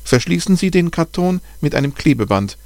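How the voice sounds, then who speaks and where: A man voicing a calm, helpful female bat expert who gives careful instructions in a raised voice, reading a storybook. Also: fairly high pitch, a little fast, no room sound, voice pushed up. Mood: instructive.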